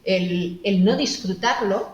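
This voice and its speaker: Animated woman host, echoey room. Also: medium pitch, takes it slowly, highs cut off. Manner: animated storyteller, acts out quotes. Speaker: interview host. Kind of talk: casual conversational interview. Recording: echoey room with faint noise.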